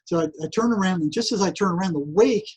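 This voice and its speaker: Older man, husky voice, animated storyteller who stumbles and restarts often. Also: high voice, fast, poor audio. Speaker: guest, psychotherapist. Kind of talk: casual interview storytelling.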